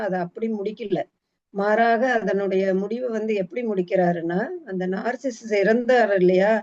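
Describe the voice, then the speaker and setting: A woman's voice: medium pitch, a little mellow. Hesitant woman retelling a book, lo-fi. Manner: hesitant, frequent fillers and restarts. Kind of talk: casual spoken book retelling. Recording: dull lo-fi recording.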